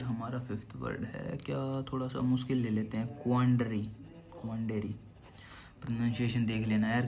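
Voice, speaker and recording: With a medium-pitched, warm voice, a young man teaches exam vocabulary online through mnemonics. He keeps dropping "theek hai" between points and poses questions only to answer them himself, with a little hiss or hum in the background.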